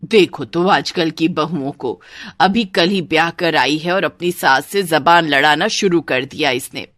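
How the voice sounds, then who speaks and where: Woman doing a bossy cartoon saas, lower and loud, scolding, dry sound. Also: a little slow, no room sound. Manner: scolding, shouting at her family. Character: bossy middle-aged mother-in-law, woman.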